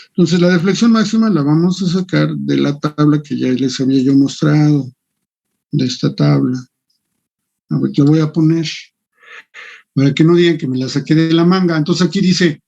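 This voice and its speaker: A man's voice: on the high side, darkish tone, dull audio. A man teaching an online engineering class, thinking aloud and muttering to himself as he works on screen. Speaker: engineering lecturer.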